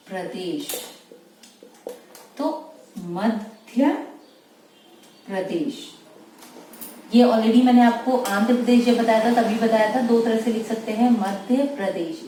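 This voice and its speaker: Slow patient woman teaching shorthand. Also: fairly high pitch, dark tone. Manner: slow, patient, explains word by word. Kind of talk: slow dictation-style shorthand lesson. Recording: echoey room, mic far off, faint noise.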